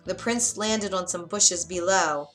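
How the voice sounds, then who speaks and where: Calm woman reading a storybook, low voice. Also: a little slow, soft background music. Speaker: narrator. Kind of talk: storybook read-aloud narration.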